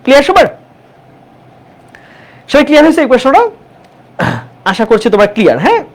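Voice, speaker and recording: A woman teaching an exam-prep English grammar lesson, who keeps asking the class check questions and repeats key words slowly for emphasis. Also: high voice, sing-song.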